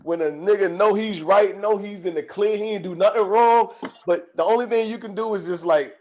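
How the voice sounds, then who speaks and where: High-voiced emphatic man on a podcast. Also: normal speed, darkish tone. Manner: emphatic, repeats his point. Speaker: podcast co-host. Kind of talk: casual chat.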